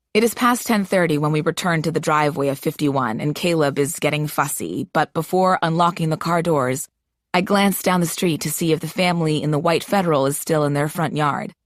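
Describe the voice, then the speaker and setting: A woman with a low voice reads a novel in the first person. She is measured and expressive, and the sound is dry and close. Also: no room sound. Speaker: audiobook narrator. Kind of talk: first-person scripted narration.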